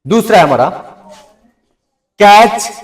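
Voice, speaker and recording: A man with a fairly high voice teaches a class, drilling pronunciation word by word and scolding inattentive students. His speech is slow and deliberate. The echoey classroom rings around him. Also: expressive. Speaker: tuition teacher. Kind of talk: classroom lesson on English pronunciation.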